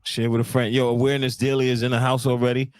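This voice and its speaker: New talk show host, dry sound. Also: male voice, mid-range voice, little pitch movement, fast talker, clear, resonant tone, no echo. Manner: loose and repetitive, restarts often. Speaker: podcast host. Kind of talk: casual talk show hosting.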